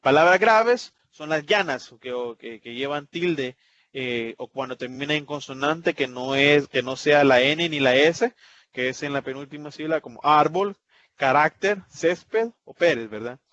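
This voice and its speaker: A man teaches spelling rules over a video call and walks through example after example. His voice sits a little high, and the muffled, lo-fi call audio dulls it. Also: a little slow, a bit bright, slight background noise. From El Salvador. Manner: explanatory, lists examples, asks "¿verdad?". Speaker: tutor. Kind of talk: online spelling lesson.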